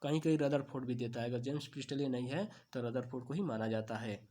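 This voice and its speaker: A man teaching exam questions, asking each answer back as a question and then repeating it, stretching key terms slowly. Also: mid-range voice, mellow. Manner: slow, drawn-out stresses on key terms. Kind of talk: quiz-answer lesson.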